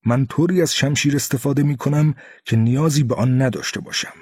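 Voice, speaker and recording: A man playing a composed master swordsman in his fifties, steady and measured. Husky voice at a mid pitch, dry and close. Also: no room sound, natural voice. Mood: calm. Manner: calm, measured.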